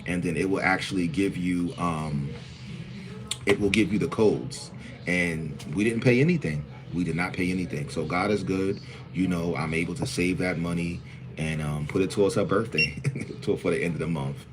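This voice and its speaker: Crowd noise surrounds this livestream host from New, a man in his forties who keeps things loose and calls out viewers by name. He speaks in a low-pitched voice at a moderate pace.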